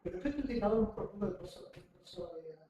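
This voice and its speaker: A woman's voice: medium pitch, animated, very fast, mellow. A woman asking probing questions from the audience at a seminar. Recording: distant, echoey audience mic with faint room noise.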